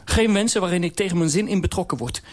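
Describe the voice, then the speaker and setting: A fussy talking peanut butter jar from a radio story, voiced by a man, high and indignant. It rattles off its complaint quickly. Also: natural voice. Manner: indignant, rapid.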